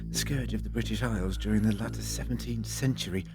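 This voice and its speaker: A man playing a grave, cautious time-travelling doctor in an audio drama, explaining in an earnest, measured way. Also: lowish voice, music in the background, natural voice.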